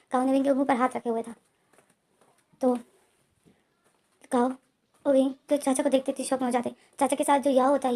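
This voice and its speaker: A woman's voice: sits high, darkish tone. A woman narrating a story recap in a run-on retelling style, repeating names often.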